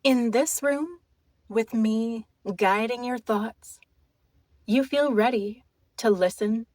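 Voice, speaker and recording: A woman's voice, on the high side, guides a hypnotic trance with soft intimacy, deliberate pacing and gentle authority that soothes and mesmerizes. The sound is clean studio quality with no echo.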